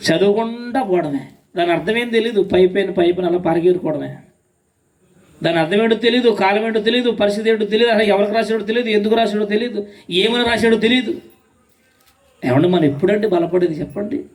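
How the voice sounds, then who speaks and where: A man's voice: high-pitched, fairly quick, distant mic. A man preaching a sermon as pastor, emphatic, with rhetorical questions and repeated phrases.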